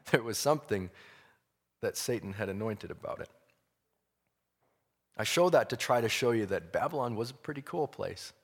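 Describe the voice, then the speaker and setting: Low-voiced preacher in a reverberant hall. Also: male voice, expressive, slightly rough. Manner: halting, repeats phrases for emphasis. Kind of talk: conversational sermon.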